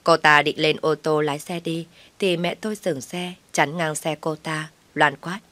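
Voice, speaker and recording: A woman narrating a dramatic first-person story in a steady, plain way. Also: sits low, a little slow, dry recording.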